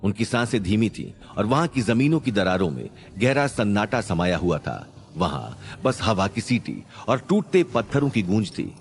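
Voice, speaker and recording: A man's voice: fairly low pitch, very animated, normal speed, hardly any pauses. A man narrating a suspense story in a scripted, dramatic storytelling manner.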